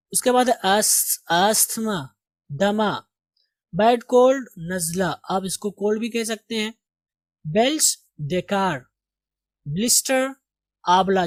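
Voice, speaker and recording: A woman teaching English vocabulary, saying each word slowly and quizzing her learners on how to pronounce it. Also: mid-range voice, dry recording. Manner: slow, deliberate pronunciation drills with quiz questions. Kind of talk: vocabulary lesson.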